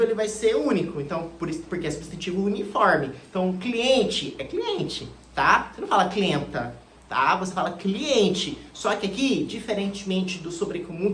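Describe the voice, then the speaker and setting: A woman's voice: medium pitch, fairly bright tone. Woman, Brazilian accent, teacher, didactic, repeats herself, echoey room, faint background noise. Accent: Brazilian Portuguese. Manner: didactic, repeats key words with questions to students. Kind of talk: exam-prep grammar lesson.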